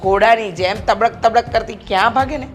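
A woman's voice: fairly high pitch, fairly quick, highs cut off, natural voice. A middle-aged woman playing a bossy, scheming mother-in-law who protects her son. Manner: bossy, scolding.

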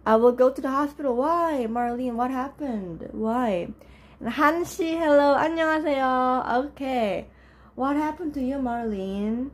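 Friendly woman teaching a live online class. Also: darkish tone. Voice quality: lower, rough voice from just waking up. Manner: chatty, greets and answers viewers by name, laughs often. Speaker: Korean language teacher. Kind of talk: live-streamed lesson with chat.

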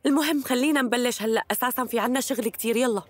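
A woman's voice: fairly high pitch, rapid-fire, dry recording, faint music behind, close to an everyday voice. A woman dubbing a bold young woman who hosts her own online show and speaks to her viewers with brash confidence. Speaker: dubbing actress. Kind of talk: Arabic dub of a TV drama.

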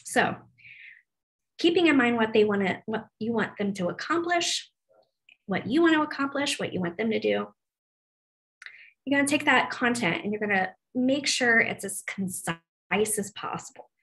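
A woman's voice: a little high, animated, moderate pace, pauses often, a bit bright, poor audio. A woman in her forties giving a staff training on a video call, talking casually with many ums and restarts. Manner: chatty, frequent ums and restarts. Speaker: web development presenter. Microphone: video call laptop mic.

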